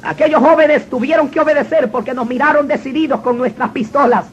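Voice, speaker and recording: A man's voice: very high voice, fairly quick. A man telling his personal testimony in an earnest, dramatic storytelling manner. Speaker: testimony speaker. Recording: dull lo-fi recording with faint noise.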